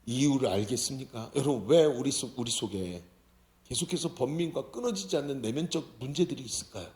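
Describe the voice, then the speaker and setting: A man's voice: medium pitch, fairly quick. Pastor guy preaching, keeps asking the crowd stuff, echoey church. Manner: lively, questions the audience often. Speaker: senior pastor. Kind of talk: sermon. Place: church sanctuary. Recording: roomy church hall.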